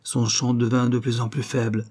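A man reading a fairy tale aloud in a measured, solemn way. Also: medium pitch, little pitch movement, a little mellow. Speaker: narrator. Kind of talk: storybook reading.

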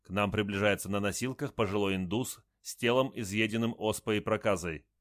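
Low-voiced man narrating an adventure. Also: a little fast, fairly bright tone, dry recording, clean studio sound. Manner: terse, matter-of-fact. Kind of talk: first-person adventure narration.

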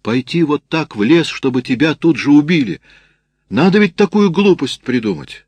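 A man putting on a brash, teasing camp sutler woman with a soft heart under the rough talk. The voice is lifted higher than his own and sounds dry and close. It is a storybook reading. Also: big pitch swings, normal speed, dry recording. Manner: teasing, chatty.

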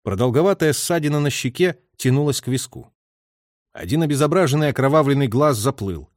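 A man's voice: medium pitch, expressive, fairly quick, no room sound, clean studio sound. A male audiobook narrator giving a vivid, dramatic reading of scripted prose.

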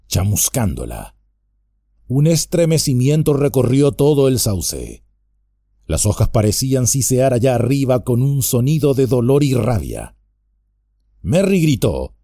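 A man narrating an audiobook with expressive storytelling. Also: mid-range voice, no echo, clean studio sound.

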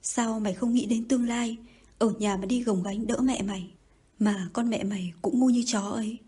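A woman's voice: fairly high pitch, fairly even intonation, normal speed, mellow, husky. A woman voicing a haughty scolding lady. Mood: scornful. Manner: scornful scolding. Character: haughty scolding mandarin's wife. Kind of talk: audiobook reading.

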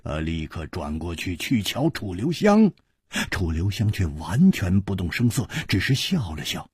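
A man telling a traditional Chinese story with dramatic, vividly expressive narration. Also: low-pitched, measured pace, slightly rough, no room sound, clean studio sound.

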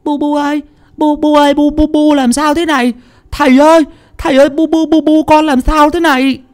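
A man voicing a frightened young boy who cries out in a high falsetto. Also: flat delivery, fairly quick, darkish tone.

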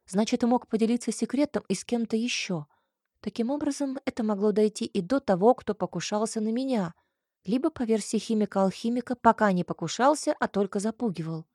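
A woman's voice: mid-range voice, warm tone, no echo, clean studio sound. A woman steadily narrating a first-person fantasy audiobook.

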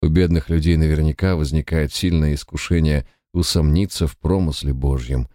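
A man doing a quiet, earnest pious lawyer. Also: a bass voice, steady tone, normal speed, dry recording, studio quality.

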